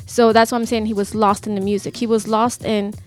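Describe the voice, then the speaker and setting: A woman's voice: mid-range voice, little pitch movement, brisk. A woman guest on a radio interview, earnestly and reflectively talking about coaching music artists. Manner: earnest, reflective, laughs readily when teased.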